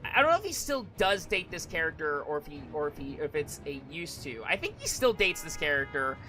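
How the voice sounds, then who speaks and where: A man's voice: fairly high pitch, big pitch swings, a little fast, pushed and bright, soft background music. A man streaming casual live commentary, rambling and hesitant, often repeating and restarting his phrases. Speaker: streamer, virtual YouTuber.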